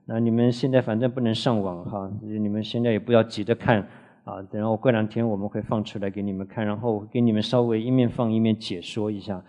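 A man's voice: on the low side, fairly even intonation, quick pace, dark tone, muffled recording. A man lecturing a Bible class in an earnest teaching manner, often adding filler particles and asking the students questions.

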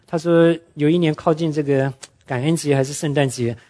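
A man preaching a sermon, telling stories earnestly and slowing down to stress his main points. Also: fairly high pitch, steady tone, warm tone. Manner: earnest storytelling preacher, drops English words into speech; slows down and drops his voice to stress key points. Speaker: pastor.

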